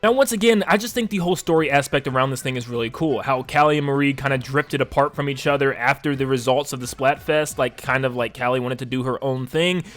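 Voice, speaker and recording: This game reviewer talks quickly and barely pauses, his mid-range voice carrying a fairly bright tone. His video essay commentary is casual, enthusiastic and emphatic in a conversational way, set against background music.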